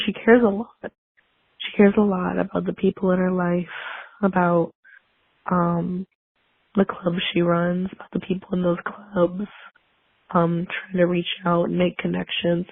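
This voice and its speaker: A young woman with a hoarse, congested voice rambles chattily through a voicemail. Her voice sits low and sounds dry, with no room echo. It comes through a tinny phone line. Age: young adult. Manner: chatty, rambling, many fillers. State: hoarse from a sinus infection. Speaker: caller leaving a voicemail.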